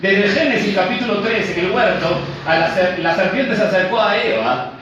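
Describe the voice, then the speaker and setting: A male pastor preaching a sermon, emphatic, swinging between loud declarations and low intense asides. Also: expressive, moderate pace, highs cut off. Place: church sanctuary. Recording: echoey church hall from far off, faint noise.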